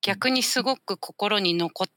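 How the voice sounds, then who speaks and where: A woman in a casual podcast chat, speaking in a reflective, soft-spoken way. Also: medium pitch, a little slow, no echo.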